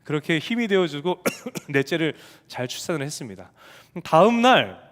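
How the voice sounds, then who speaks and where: A male pastor preaching to young adults in a church, with a high voice that rises and falls expressively. He tells his stories with animation and keeps asking the listeners questions, and a long hall reverb trails behind each phrase. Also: moderate pace. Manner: animated storytelling, asks the congregation questions. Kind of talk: sermon with a personal story. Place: church sanctuary.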